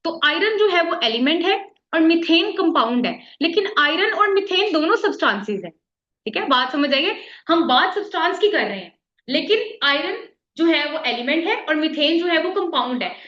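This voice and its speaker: A woman's voice: extremely high pitch, sing-song, moderate pace, a bit bright. A woman with a Pakistani Urdu accent teaching a chemistry class, explaining patiently and often checking whether students follow. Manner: explains patiently, mixing English terms, often checks "theek hai?". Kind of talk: classroom lecture. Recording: echoey, slightly dull classroom recording.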